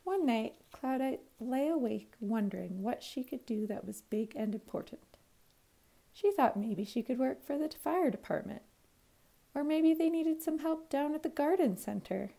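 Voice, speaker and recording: A Canadian primary school teacher reads a picture book aloud for young children at normal speed with lively intonation. Her slightly high voice is soft and mellow with noticeable creak, and she phrases the story clearly and expressively, like story time.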